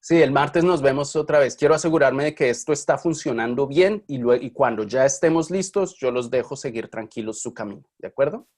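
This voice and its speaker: A man's voice: mid-range voice, a little fast, hardly any pauses, a little mellow. A man teaching an online university class, lecturing casually and often checking in with his students. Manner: chatty, checks in with frequent questions. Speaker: university Spanish linguistics teacher.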